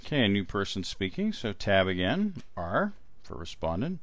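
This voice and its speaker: A man with a fairly low voice talks through a software tutorial step by step. The sound is close and dry, with keyboard typing. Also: wildly swooping pitch, moderate pace, dry recording. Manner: explanatory, spells out each step. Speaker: transcription trainer. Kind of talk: instructional screen-recording tutorial with dictation while typing.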